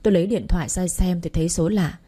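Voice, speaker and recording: A woman's voice: lowish voice, quick pace, warm tone, husky. A woman narrating a first-person romance story in a tender, emotional reading.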